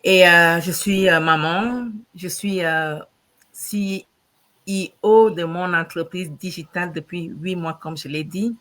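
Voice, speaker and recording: A woman's voice: on the low side, takes it slowly, fairly bright tone. Hesitant woman introducing herself. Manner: hesitant, many fillers. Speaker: panel guest, CEO of a digital business. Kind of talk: self-introduction on a live stream.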